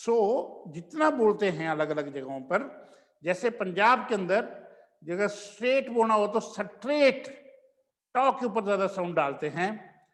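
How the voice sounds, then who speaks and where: Slow man teaching sounds. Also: high voice, big-room sound. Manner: slow and explanatory, stretching out English example words. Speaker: English pronunciation teacher. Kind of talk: classroom lecture.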